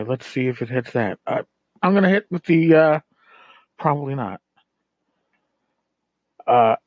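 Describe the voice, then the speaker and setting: This middle-aged man hosts a tabletop gaming podcast and vents in a loose, rambling monologue, cursing bluntly and sounding fed up. His medium-pitched voice is a little mellow, captured in a dry, poor-quality recording.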